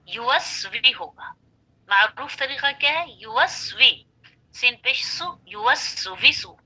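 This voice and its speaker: Bright-voiced woman teaching recitation slowly. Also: fairly high pitch, rough recording. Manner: patient, spells syllables slowly and repeats them. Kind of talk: spelled-out Quran recitation lesson.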